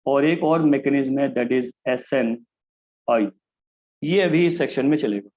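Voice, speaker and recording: A man giving a chemistry lecture, often calling his students "kids" and switching between Hindi and English. He slows down deliberately to spell out key phrases. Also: mid-range voice, darkish tone, poor audio. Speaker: chemistry teacher. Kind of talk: classroom lecture.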